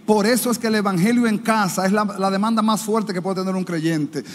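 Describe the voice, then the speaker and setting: A man with a Dominican Spanish accent preaching a sermon as pastor, impassioned, mimicking the people he quotes in higher, louder voices. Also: fairly even intonation, brisk. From Dominican Republic. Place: church. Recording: reverberant church hall, faint ambience.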